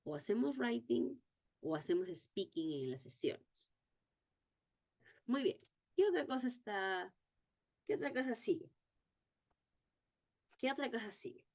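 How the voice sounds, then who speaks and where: A woman teaching an exam-prep lesson, reading English terms slowly and repeating key points. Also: a little high, very animated, a little mellow.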